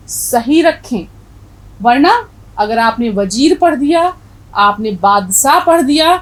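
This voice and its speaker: A woman Urdu teacher with a North Indian Urdu accent, explaining pronunciation as she spells words out slowly letter by letter. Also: a little high, poor audio. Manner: stresses correct pronunciation, asks the viewer questions. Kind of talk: explaining a lesson.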